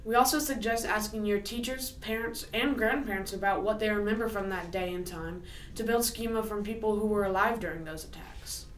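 A woman's voice: mid-range voice, fairly even intonation, a little fast. Woman reading earnest school announcements over the intercom, echoey and distant. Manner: earnest, occasional stumbles while reading. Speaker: school morning announcements co-host. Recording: echoey and distant with faint noise.

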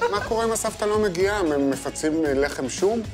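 A man's voice: high voice, expressive. A middle-aged man hosting a casual, humorous interview in a teasing, provocative way. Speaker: host, interviewer. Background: prominent music.

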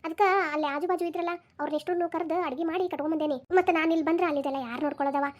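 Soothing practical older mother, voiced by a woman, dharwad accent, speaks fast. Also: high voice, fairly even intonation, darkish tone, highs cut off, natural voice. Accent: North Karnataka (Dharwad) Kannada.

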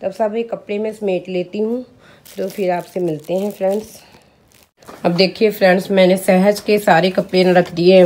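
A mellow, lowish voice belongs to a thirtysomething mother with a sore throat who vlogs from home. Phone in hand, she wanders the kitchen and rooms, chatting casually and addressing her viewers as friends.

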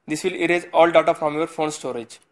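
Tech tutorial host: man, slightly high voice, clipped step-by-step delivery. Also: steady tone, a little fast. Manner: short step-by-step instructions. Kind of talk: phone tutorial voice-over.

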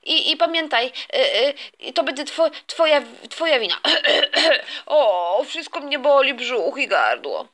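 A woman's voice: high voice, sing-song, slow, bright, forceful tone, heavily acted. A woman voicing a whiny, scheming young boy who doesn't want to go to kindergarten, in a toy play story. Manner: whining, complaining, stammering.

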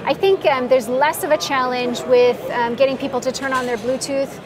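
A middle-aged woman being interviewed as a guest, explaining things in a measured way with frequent ums. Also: sits high, steady tone, music in the background. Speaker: mall IT director, guest. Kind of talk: conversational interview. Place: trade show booth, indoors. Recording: busy trade show hall with crowd noise. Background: crowd chatter of a trade show.

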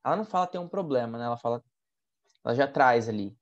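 A man's voice: animated, fast. A Brazilian Portuguese-accented man teaching English test strategies in a chatty, explanatory live online lesson. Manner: chatty, explanatory, frequent "né?" tags. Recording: muffled low-fidelity webinar audio.

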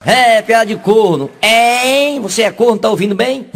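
A man telling a string of jokes, laughing between them and slipping into squeaky character voices. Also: animated, a little slow, a bit bright, slight background noise. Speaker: comedian. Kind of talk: joke telling.

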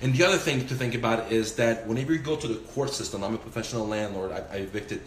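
A man's voice: fairly low pitch, fast, echoey room, a little hiss or hum. A man in his forties, a real estate investor, giving a casual, profane, emphatic talk to the camera while gesturing with his hands. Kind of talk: casual instructional vlog. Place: indoors, small room by a window.

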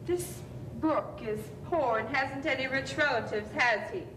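A woman on an amateur stage playing a stern, wealthy old aunt who scolds and lays down terms like an old tycoon. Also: unhurried. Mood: scolding. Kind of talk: amateur stage play acting. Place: theatre stage, indoors. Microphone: far camera. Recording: noisy, rumbling, echoey distant stage recording.

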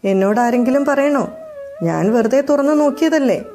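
A woman's voice: high-pitched, expressive, normal speed, mellow, soft background music, voice pushed up. A woman voicing a playful, mischievous little neighbor girl who teases and coaxes in a raised voice. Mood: sly, playful. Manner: teasing, coaxing.

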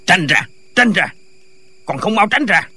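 A woman voicing an arrogant, bullying military officer who barks orders in a lowered voice. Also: lively intonation, a little slow, slightly rough, heavily acted. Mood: barking. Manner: barking, shouting orders.

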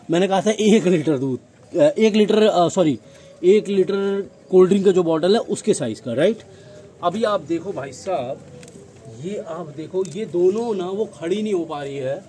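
A man's voice: sits high, warm tone, a little hiss or hum. A man in his thirties with a Kolkata Hindi accent, giving a casual outdoor tour of his goat farm and talking straight to viewers as "brother", recorded on a phone. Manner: chatty, addresses viewers as brother, frequent tag questions. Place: outdoor farmyard with goats.

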